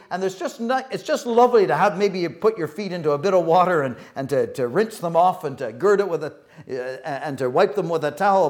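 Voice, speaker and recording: A man delivers a sermon with a slightly higher voice than most men. He talks earnestly, stumbling and restarting phrases, dropping quiet one moment and pressing hard the next. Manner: earnest, halting with frequent restarts; swings between soft reflective and loud emphatic. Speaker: preacher.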